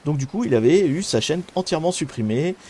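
Hesitant French-speaking male streamer, mellow tone. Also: fairly high pitch, expressive, brisk, slight background noise. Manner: hesitant, many fillers and restarts; greets chat viewers by name. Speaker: streamer hosting a cybersecurity talk show. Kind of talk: casual live-stream chat while gaming.

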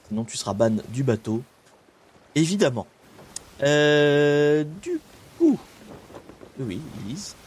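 A man's voice: medium pitch, a little hiss or hum. Laid-back young male streamer, chatty and rambling, greeting his viewers between restarts. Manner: relaxed, rambling, many fillers and restarts. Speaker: streamer and host. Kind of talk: casual live-stream chat while gaming.

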